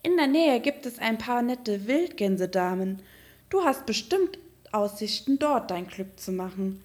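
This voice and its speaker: A woman's voice: on the high side, very animated, measured pace, darkish tone. A woman voicing a pair of cheeky, mocking young wild ganders.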